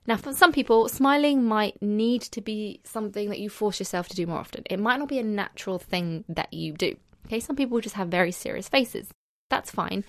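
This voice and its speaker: Cheery woman podcaster, encouraging and giggly, mid pitch. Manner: bubbly, encouraging, laughs often. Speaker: podcast host, teacher. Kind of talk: upbeat solo podcast talk.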